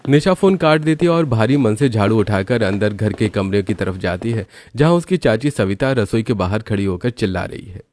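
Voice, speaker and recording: A man narrating a cartoon story in a steady storytelling manner. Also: fairly low pitch, moderate pace, hardly any pauses, slight background noise. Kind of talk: scripted narration.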